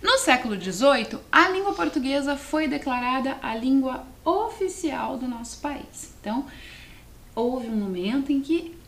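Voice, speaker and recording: A high-voiced woman from southern Brazil presents a televised language class, explaining things to students with lively intonation at a measured pace. She often poses questions and tacks on checking tags, and the room is echoey with faint background noise.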